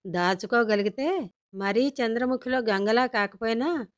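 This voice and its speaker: Woman storyteller, expressive and animated, fairly high voice. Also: unhurried. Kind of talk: storytelling narration.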